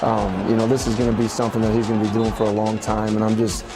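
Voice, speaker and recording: Low, flat-voiced male coach. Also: quick pace, over music. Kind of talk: interview clip.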